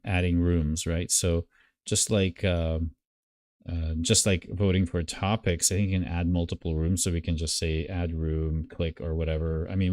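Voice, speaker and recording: A man's voice: deep voice, darkish tone, dry recording, studio quality. A man hosting a live stream, walking through a diagram on screen and thinking aloud, with many fillers and restarts. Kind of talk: casual screen-share walkthrough.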